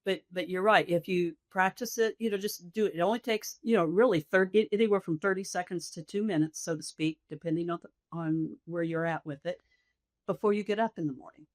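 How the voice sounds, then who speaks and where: A woman's voice: fairly low pitch, brisk, no room sound. A middle-aged woman, a nurse being interviewed, explaining things in an earnest, reflective, instructive way. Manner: earnest, instructive, illustrates with quoted self-talk. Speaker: hospice nurse practitioner, author and guest.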